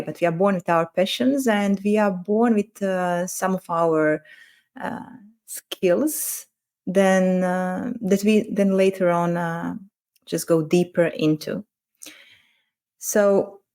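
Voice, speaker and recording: A woman's voice: lowish voice, a little mellow. Woman coach, reflective podcast talk. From Croatia. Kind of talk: casual podcast conversation.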